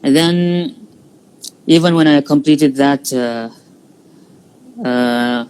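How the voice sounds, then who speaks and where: A student guest from Indonesia, in his twenties, shares his story during a casual interview on a live stream, halting with lots of fillers and restarts. He speaks in a mid-range, darkish, clean-toned voice on a low-quality recording.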